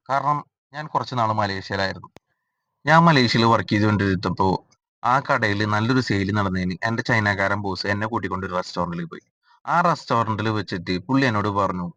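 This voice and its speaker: A man from Kerala narrating a cooking vlog in a casual, rambling way, filling pauses with drawn-out "aa" sounds. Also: fairly low pitch, fairly bright tone, no room sound. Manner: chatty, rambling, frequent drawn-out 'aa' fillers. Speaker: cooking vlogger.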